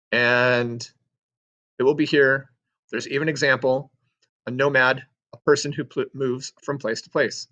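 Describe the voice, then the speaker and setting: A man's voice: medium pitch, a bit bright. A middle-aged man teaching sixth-grade social studies, talking through a screen-recorded class walkthrough in a chatty way with joking asides, ums and self-corrections.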